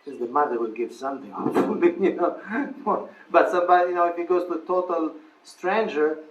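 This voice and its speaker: Guy teaching a seminar, keeps restarting phrases and chuckling, kinda high voice, echoey far-off hall sound. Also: a little fast, highs cut off. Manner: thoughtful, repeats and restarts phrases, laughs at own stories. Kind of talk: lecture answering questions. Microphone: far room mic.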